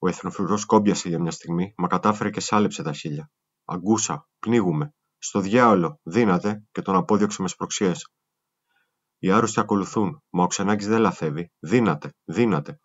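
A man reading a first-person memoir aloud in a steady, grave storytelling manner. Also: sits low. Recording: muffled lo-fi recording.

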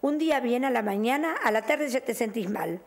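Gravelly Rioplatense woman reading tarot. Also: fairly high pitch, expressive, brisk. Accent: Rioplatense Spanish. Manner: affectionate, chatty, calls caller "mi cielo", "querida". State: recovering from losing her voice. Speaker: tarot reader hosting a show. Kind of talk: on-air fortune-telling reading.

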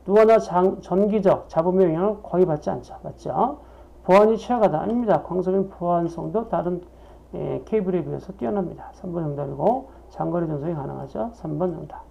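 A woman's voice: on the low side, fairly quick, gravelly, a little hiss or hum. A woman lecturing on exam questions, reading each one aloud, then asking and answering her own questions. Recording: dull lo-fi recording.

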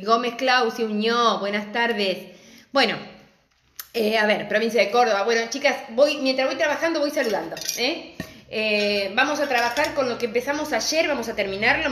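A middle-aged Argentine woman with a fairly high voice hosts a live crafts class from home. She talks in a chatty, affectionate way and laughs often. Her phone picks her up in a noticeably echoey room. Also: fairly bright tone. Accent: Argentine Spanish. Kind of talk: casual live-stream chat.

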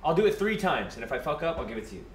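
A man's voice: on the high side, big pitch swings, very fast, crowd noise. Echoey young man, slangy and casual. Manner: slangy, swearing. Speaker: streamer. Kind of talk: casual banter on a cooking live stream. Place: indoor home kitchen. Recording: echoey kitchen with faint noise.

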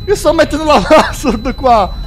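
A man with a very high voice that leaps all over as he narrates a game he is playing. He is excitable, yelping and laughing often, with faint game music under him. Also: moderate pace. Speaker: gaming video host. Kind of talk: excited gameplay commentary.

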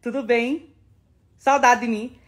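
A woman's voice: a little high, fairly even intonation, slow. A middle-aged woman, chatting affectionately to her followers in a casual phone vlog, repeating herself and laughing. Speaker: social media influencer.

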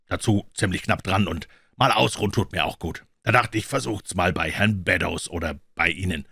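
Man reading sly old sailor, insinuating, storybook, husky voice. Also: deep voice, moderate pace, pushed and bright, no echo, clean studio sound, heavily acted. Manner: sneering, insinuating.

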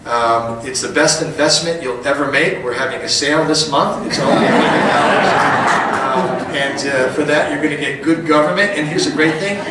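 A man's voice: a little high, moderate pace, background noise. A middle-aged man, a politician, giving a folksy, rousing campaign rally speech from a podium in a large hall. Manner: folksy, rousing, rising to emphatic peaks. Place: large indoor function hall. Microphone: podium mic, recorded by a far camera. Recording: echoey hall from far off.

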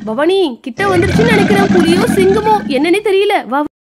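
A woman with a very high voice acts out a playful doll story. She exclaims and scolds as her characters, and her delivery stays lively throughout. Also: fast talker, very noisy.

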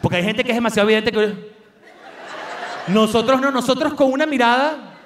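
A man's voice: extremely high pitch, brisk, slight background noise. A Venezuelan man doing live stand-up comedy, telling stories animatedly and acting out the people in them. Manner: animated storytelling with voices. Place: large live venue. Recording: echoey live venue from far off.

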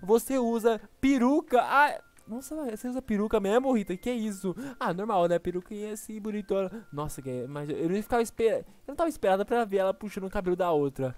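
A man with a Brazilian accent giving excited, exclaiming gameplay commentary as a gaming YouTuber. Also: high-pitched, fast, hardly any pauses. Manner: excitable, exclaiming, laughs often.

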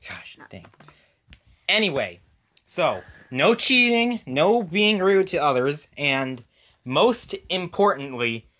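A woman's voice: low voice, very animated, fairly bright tone, exaggerated voice. A woman doing a bossy Mario plush toy. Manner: bossy, scolding, quick to bicker. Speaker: contest host among toys. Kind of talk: home plush toy video acting.

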